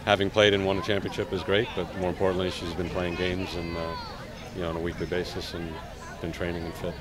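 A middle-aged man, a head coach, giving a measured post-game interview full of pauses and fillers. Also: low voice, flat delivery. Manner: measured, frequent "uh" and "you know". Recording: loud outdoor stadium crowd and noise.

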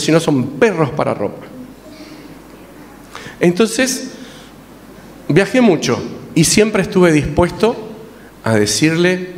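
A man telling an interactive story to children at church, coaxing them to repeat lines after him. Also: a little high. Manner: lively, coaxes the audience to repeat lines. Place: church hall. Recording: distant voice in a reverberant hall with faint noise.

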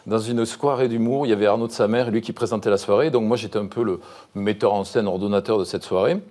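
Fast-talking man, low voice. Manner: lively, fast, restarts mid-sentence. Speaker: guest, musician and comedian. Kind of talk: casual TV interview.

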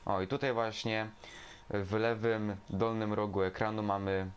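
A man giving casual gameplay commentary in a halting, repetitive way, searching for his words. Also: on the low side, little pitch movement, background noise. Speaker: gameplay video host. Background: video game sound.

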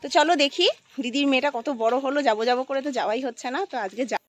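A woman's voice: high-pitched, rapid-fire, heavy background noise. A woman vlogging a family visit, talking to a small child in coaxing, sing-song baby talk.

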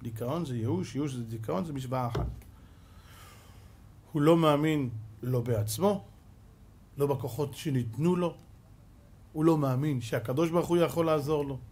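A man with a high-pitched voice and an Israeli accent preaching a fervent sermon as a rabbi. He swings sharply from hushed, low phrases to loud, pitched-up cries. He keeps throwing rhetorical questions at his listeners. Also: long pauses, breathy edge. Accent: Israeli Hebrew. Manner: dramatic swings from hushed to shouting.

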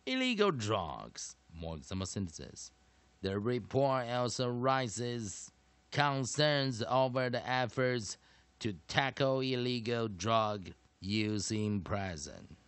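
A man teaching a vocabulary and pronunciation lesson, explaining slowly and deliberately. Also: fairly low pitch, clean tone, no room sound.

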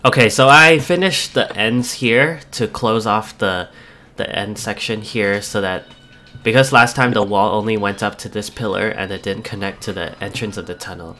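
A man's voice: lowish voice, normal speed, sharp tone. A man hosting a let's play, casually talking through the changes he made to his build, step by step. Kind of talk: casual gameplay commentary.

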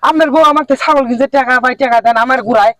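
A pushy village goat seller, played by a man, presses for his money in a high, insistent voice. The sound is dry and close, and he keeps repeating his demand. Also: rapid-fire, sharp tone, dry recording. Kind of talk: comic short-film acting.

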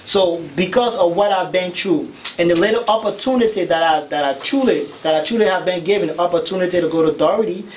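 An earnest young man from Liberia speaks as a guest in a small radio studio, repeating phrases for emphasis. His voice sits high. A faint hiss runs beneath it. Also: fast talker, hardly any pauses, low-quality recording. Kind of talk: radio talk show interview. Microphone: studio boom mic.

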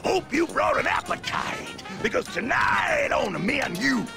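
A man voicing a boastful villainous chili pepper chef in an animated game, gravelly and full of showman swagger. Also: extremely high pitch, unhurried, music in the background, full character voice. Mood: taunting.

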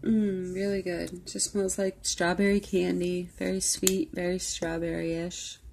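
A woman's voice: lowish voice, level tone, unhurried, vocal fry, darkish tone, slight background noise. A woman vlogger chatting casually through a product haul, rambling with lots of "um" and "like". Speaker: beauty vlogger.

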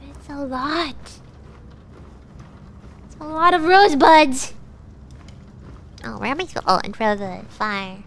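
A woman's voice: sits high, a little slow, vocal fry, pauses often, a bit bright, a little hiss or hum. A young woman streaming a game with a stuffy nose, bubbly and thanking viewers over and over with bits of Japanese. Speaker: livestreamer. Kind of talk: casual gaming livestream.

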